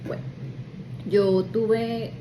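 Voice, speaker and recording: Soft-spoken woman telling her story. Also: mid-range voice, little pitch movement, drawn-out words, noisy background. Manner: soft, reflective, heartfelt. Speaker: grief coach. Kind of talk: personal storytelling to camera.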